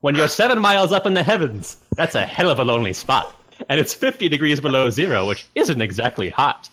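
A man's voice: fairly high pitch, sing-song, fairly quick, a bit bright. A man voicing a pompous old-fashioned male air force officer, reciting verse in a put-on transatlantic accent with a theatrical sing-song delivery.

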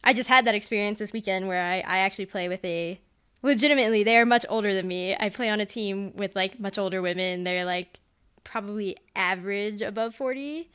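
A woman's voice: medium pitch, a little fast, fairly bright tone, clean tone. Easygoing woman, chatty and laughing. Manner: easygoing, laughs often, filler-heavy. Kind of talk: casual chat.

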